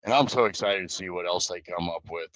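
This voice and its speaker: A man on a live stream talks to his guild in a loose, rambling way, with plenty of fillers and restarts. His voice sits on the low side but sounds bright and forceful. The sound is dry, with no room echo. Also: quick pace. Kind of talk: casual live stream chat.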